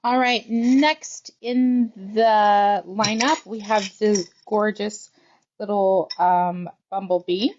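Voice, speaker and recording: A woman's voice: medium pitch, fairly even intonation, takes it slowly, darkish tone, dull audio, a little hiss or hum. Chatty woman gushing over craft products. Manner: chatty, gushing, thinks aloud while handling items. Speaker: shop livestream host. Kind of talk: casual product showcase livestream.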